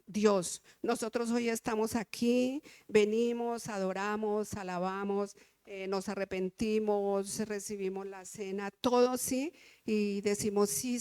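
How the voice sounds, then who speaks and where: Colombian woman preacher, earnest sermon, slightly high voice, dry close sound. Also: no echo. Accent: Colombian Spanish. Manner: earnest, repeats "¿sí?" to the congregation. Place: church.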